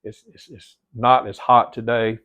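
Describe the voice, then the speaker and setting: With a clean tone, a flat delivery, and a measured pace, a middle-aged man speaks at medium pitch, sounding a little stuffy-nosed. He chats casually to camera in his home theater room, rambling and repeating words while calling his audience "guys." The recording sounds dull and lo-fi.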